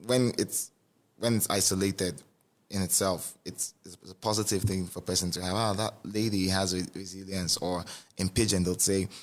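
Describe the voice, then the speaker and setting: A man hosting a podcast interview, asking probing questions in a relaxed, conversational way and often restarting his words. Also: sits low, normal speed. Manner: probing, conversational, repeats words when starting. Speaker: podcast host.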